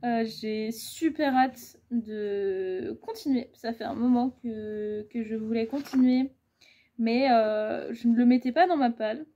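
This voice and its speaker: Speaking slowly in a slightly high voice with a dark tone, a young woman in her twenties chats loosely about the books she's collected. As a booktuber, she rambles and leans heavily on fillers.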